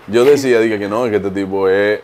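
A man's voice: lowish voice, brisk, a little hiss or hum. A Dominican man, an impressionist comedian, telling stories and explaining his craft in a casual interview. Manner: lively storytelling, explains with examples.

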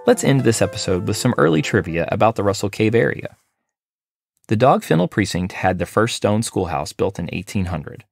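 A man hosting a library podcast, reading a scripted local history in a steady, measured way. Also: fairly low pitch, vocal fry, dry recording, faint music behind.

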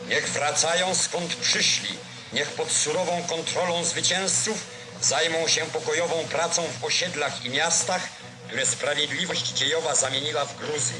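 A man's voice: a little high, noisy background. A man narrating a 1940s newsreel in a solemn, declamatory way.

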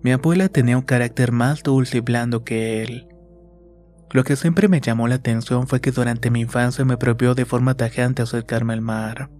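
Flat-voiced man narrating horror. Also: mid-range voice, moderate pace. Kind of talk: scripted first-person horror narration. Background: faint music.

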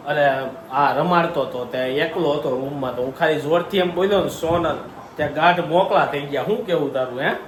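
A man, chatting casually to his viewers as he films his family's day at home. His voice sits a little high, with a faint hiss of noise behind it. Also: a little fast, few pauses, roomy sound. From Gujarat, India. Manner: chatty, talks to viewers as "guys". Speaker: vlogger. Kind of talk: casual family vlog chat.

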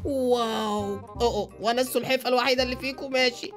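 Brief: excitable Egyptian gaming host, high voice, racing delivery. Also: male voice, quick pace, music in the background. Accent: Egyptian Arabic. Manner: excitable, exclamatory. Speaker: YouTube gamer host. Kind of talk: narrating a game movie.

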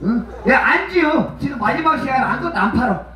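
A man's voice: very high-pitched, expressive, fairly quick, bright, forceful tone. A man performing as a pumba street entertainer, joking bawdily and teasing the audience at an outdoor festival. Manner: teasing, brash, calls listeners mother and father. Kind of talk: bawdy comic banter with the crowd. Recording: heavy echo, voice from far off.

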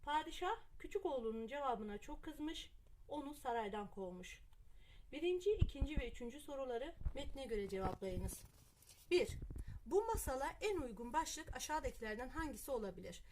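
A woman reading out test questions to young pupils and explaining each answer in a clear, patient way. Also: sits high, sing-song, normal speed, darkish tone, a little hiss or hum.

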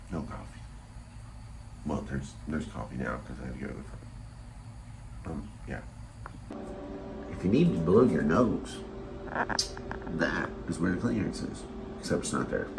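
A man's voice: very deep voice, slow, creaky, long pauses. A man in his forties chatting casually and bluntly in a rambling, mildly profane handheld vlog. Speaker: travel vlogger. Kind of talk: casual vlog chat, reviewing a motel room. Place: hotel rooms and hallways, indoors. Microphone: phone at arm's length. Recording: noisy handheld phone recording.

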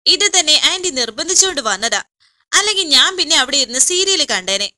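A woman's voice: high voice, very animated, fairly quick, bright, forceful tone, heavily acted. Sulky dismissive young woman, read by a woman narrator.

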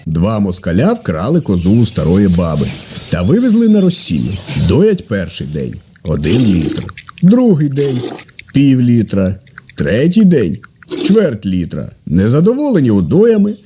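A man reading jokes aloud, slowing down for the punchlines. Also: fairly low pitch, wildly swooping pitch, warm tone, a little hiss or hum. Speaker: joke teller.

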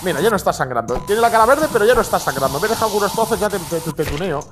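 A man doing excitable gameplay commentary, bursting into shouts and laughs between mumbled asides. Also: sits high, racing. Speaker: gaming video host. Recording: music playing behind.

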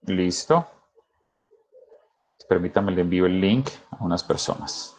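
A man teaching English over a video call, emphatic and urging his students to practice out loud. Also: deep voice, a little slow, slight background noise. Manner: emphatic, coaxing students to repeat. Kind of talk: online class teaching.

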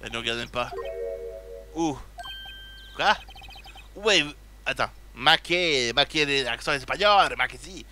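A man's voice: medium pitch, lively intonation, a little slow, pauses often, bright, forceful tone, soft background music. Crude, joking male gamer. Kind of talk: let's play commentary.

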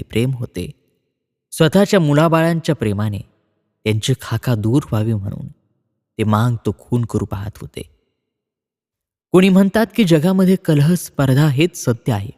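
A man narrating a classic story in a measured, expressive reading. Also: medium pitch. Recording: long reverb.

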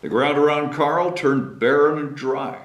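Seated at a table in a small, echoey meeting room with a whiteboard, a man in his sixties who is the mayor reads a picture book aloud to children with plenty of expression and simple words. His voice is a little high and a little slow, and the highs are cut off.

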